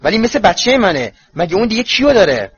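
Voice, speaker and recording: A man voicing an anxious, fierce middle-aged mother in a storybook reading, pitched high and shrill. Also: sing-song, fairly bright tone, breathy edge, heavily acted. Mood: agitated. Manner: shrill and pleading. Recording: dull lo-fi recording.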